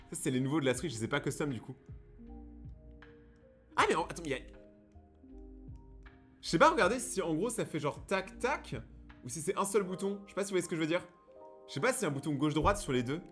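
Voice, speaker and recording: A young man chatting casually on a live stream, reading viewers' messages aloud and answering them in a lively, slangy way from his own studio. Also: on the high side. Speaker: streamer and YouTuber.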